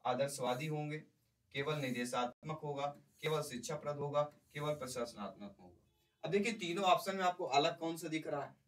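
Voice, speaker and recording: A man's voice: fairly high pitch, brisk, far from the mic, poor audio. A male teacher giving an exam-prep lecture, explaining by repeating points and putting questions to the class.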